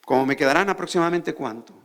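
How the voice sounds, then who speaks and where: This conference speaker, a man with an Andalusian accent, lectures from a theater stage and keeps posing rhetorical questions to the crowd. He talks quickly in a fairly high pitch.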